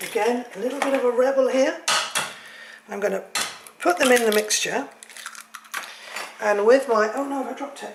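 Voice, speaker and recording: Brief: woman home cook, higher register, talks nonstop with jokey asides, recorded in an echoey kitchen with clattering pots and cutlery. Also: background noise. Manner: chatty, rambling, jokey asides. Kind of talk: cooking demonstration.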